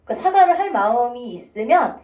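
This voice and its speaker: Female teacher, chatty and animated, fairly high voice, recorded from afar in a roomy classroom. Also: quick pace. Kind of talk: classroom lecture. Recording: echoey classroom from a distance.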